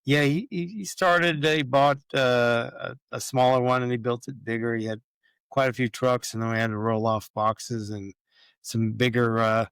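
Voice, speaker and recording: A man from Jamaica, a yacht captain, talking as a guest in a relaxed, hesitant way with many fillers. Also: medium pitch, normal speed, clear, resonant tone, no room sound. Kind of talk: casual interview chat.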